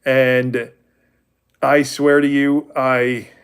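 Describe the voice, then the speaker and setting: A man's voice: medium pitch, little pitch movement, drawn-out words, clean tone. A man in his forties hosting a livestream, talking about faith with viewers in a rambling, candid way that often restarts and corrects itself. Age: 40s. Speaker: livestream host. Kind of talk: casual faith talk with viewers.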